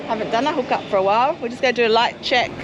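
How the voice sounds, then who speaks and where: A hoarse woman, chatting casually and poking fun at herself in a travel vlog, outdoors at a caravan park. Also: a little high, rapid-fire, highs cut off, background noise. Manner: chatty, self-mocking. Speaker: travel vlogger. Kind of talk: casual chat.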